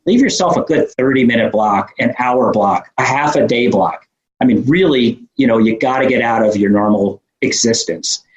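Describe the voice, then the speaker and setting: A man's voice: medium pitch, moderate pace, highs cut off. New York man, echoey room. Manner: rambling, frequent fillers and restarts. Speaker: podcast guest, entrepreneur. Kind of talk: casual interview conversation.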